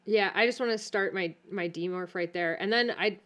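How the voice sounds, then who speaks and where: A woman playing a tabletop game, eagerly describing what her character does and quickly rattling off in-character orders. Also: mid-range voice, fairly bright tone. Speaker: player. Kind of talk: casual tabletop play.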